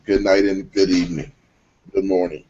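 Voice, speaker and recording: A man with a fairly low voice talks earnestly about money and getting ahead, now and then catching himself and restarting. The line sounds muffled. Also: level tone, normal speed, dark tone, a little hiss or hum. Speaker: speaker on a group call. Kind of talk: motivational talk. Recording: muffled conference call line.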